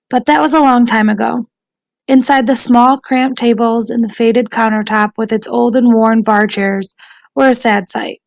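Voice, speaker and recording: A woman narrating an audiobook in a measured, even storytelling manner. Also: on the high side, gravelly, no echo, low-quality recording.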